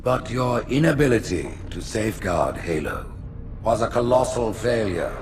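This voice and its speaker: A man voicing an imperious elderly alien high priest in a game, speaking in a cold, solemn voice as he pronounces judgment. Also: lively intonation, normal speed. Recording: music under dialogue.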